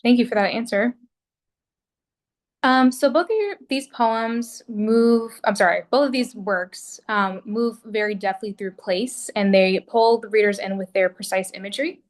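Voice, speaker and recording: A woman moderating a panel, asking polite, slightly halting questions. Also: mid-range voice.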